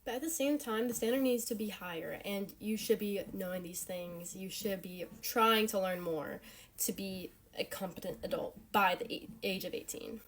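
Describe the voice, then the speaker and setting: A woman's voice: medium pitch, moderate pace, a little hiss or hum. A woman in her late teens, a young wife and mother, giving blunt, emphatic opinions straight to camera. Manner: emphatic, blunt, rising to forceful points.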